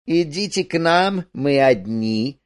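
A man's voice: fairly high pitch, lively intonation, clean tone, no echo, clean studio sound, voice pushed up. A man doing a sly, scheming woman. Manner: conspiratorial, slow, knowing.

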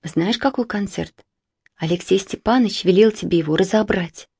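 A woman's voice: medium pitch, moderate pace, gravelly, a little mellow, breathy edge, dry recording, clean studio sound. A woman voicing a stern, serious schoolgirl in a storybook reading. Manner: stern, terse.

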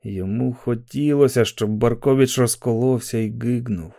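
A man reading a dramatic novel aloud as an audiobook narrator, in a gravelly voice. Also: medium pitch, normal speed, warm tone, no echo, studio quality.

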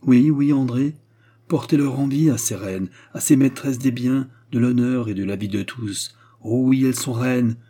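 A man's voice: mid-range voice, unhurried, warm tone, slightly rough. A man reading a proud, anguished queen of France in an audiobook, pleading with impassioned speech.

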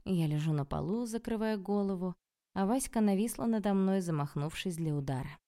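A woman narrating a novel in the first person, expressive and ironic. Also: mid-range voice, brisk. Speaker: audiobook narrator.

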